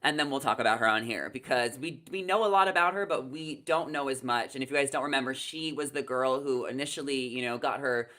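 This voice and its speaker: A man's voice: mid-range voice, a little fast, few pauses, bright, forceful tone. A young man co-hosting a reality TV recap, giving casual, chatty and emphatic live commentary over a video call. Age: young adult. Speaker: co-host of a reality TV recap show. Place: small indoor room, video call.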